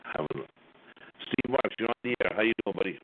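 A man's voice: lowish voice, animated, normal speed. A man hosting a casual call-in show, his voice coming through buzzy, glitchy, breaking-up phone audio. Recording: tinny, crackly conference phone line.

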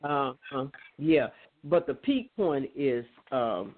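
A man's voice: medium pitch, big pitch swings, slow pace. A man in casual spiritual chat, talking in an earnest, meandering way with many fillers. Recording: tinny phone line.

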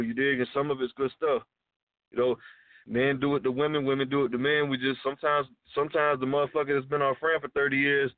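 A man's voice: medium pitch, dry recording, narrow, tinny audio. A man co-hosting a talk show, chatting in casual street slang with a blunt, insistent, profane manner. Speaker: radio co-host.

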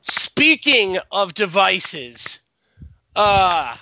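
A man's voice: sits high, very animated, drawn-out words, gravelly, pushed and bright, dry recording, lo-fi sound. A man hosting a casual podcast chat, rambling and restarting his sentences often. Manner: rambling, many restarts and repeated words. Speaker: podcast host.

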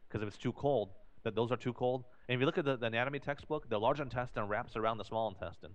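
A man's voice: mid-range voice, fast talker. A man in casual podcast talk, explaining at length and often repeating and restarting his phrases. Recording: dull lo-fi recording.

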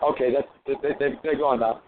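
A man's voice: medium pitch, steady tone, brisk. A man calling in over a crackly, staticky phone line, chatting casually and rambling with lots of restarts. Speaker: phone-in guest, actor and filmmaker.

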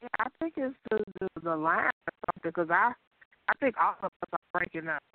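A woman's voice: on the low side, expressive, fairly quick. A woman on a casual internet radio show, hesitant and unsure, heard through a glitchy phone call that keeps breaking up. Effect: glitchy, breaking-up phone call audio with hiss.

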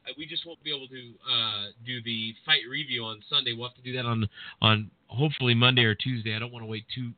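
A man hosting a boxing podcast, talking in a rambling, animated way with lots of restarts and fillers, with a General American accent. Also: mid-range voice, fast. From California. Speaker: podcast host. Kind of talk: casual boxing podcast chat. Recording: tinny phone-like line, dry.

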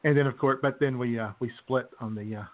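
A man with a mid-range, steady voice speaks fast as the host of a comedy radio podcast. He banters casually and jokily with his co-hosts in a mock-enthusiastic way, and the recording has a tinny, phone-like, band-limited sound.

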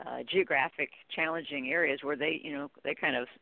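An expert guest on contact center training, this woman talks informally and emphatically in a conversational interview. She has a low voice with fairly even intonation, a brisk pace and vocal fry; the recording is dry but comes through a narrow, tinny phone-like line.

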